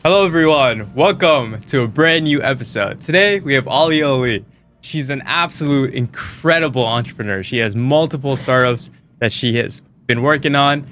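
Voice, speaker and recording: A man's voice: medium pitch, fairly bright tone, slight background noise. A man hosting an interview podcast, introducing his guest casually and upbeat, with frequent short acknowledgements. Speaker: podcast host.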